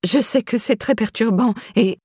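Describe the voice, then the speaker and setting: A prim, frightened old lady, put on by a woman reading a novel aloud. Her voice is lifted well above the reader's own and stays husky, with a pinched, clipped way of speaking. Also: fairly high pitch, moderate pace, a little mellow, dry recording, clean studio sound, voice pushed up. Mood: panicked.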